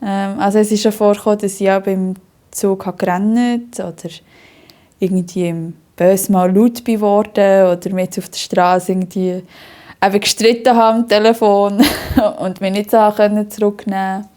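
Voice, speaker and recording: A woman's voice: medium pitch, fairly even intonation, moderate pace. Hearty laughing woman, Bernese Swiss German. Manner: hearty, laughs often and loudly; talks at length with many fillers and restarts. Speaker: interviewee. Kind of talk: personal storytelling interview.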